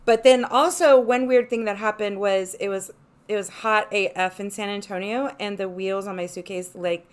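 A woman co-hosting a podcast talks in relaxed, filler-heavy chat, peppered with "like" and casual swearing. Her voice sits at an ordinary middle pitch. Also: normal speed, clean tone. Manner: chatty, lots of "like", casual swearing. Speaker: podcast co-host.

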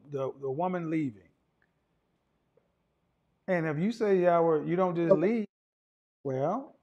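A man hosts a call-in debate show, bluntly pushing back on callers and talking over them. His voice is on the high side with a darkish tone.

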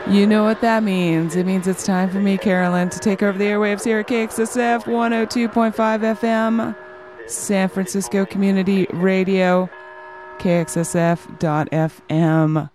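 A woman's voice: medium pitch, steady tone, normal speed, soft background music. A woman radio DJ chatting casually between songs, with little laughs between her lines. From United States. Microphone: studio microphone.

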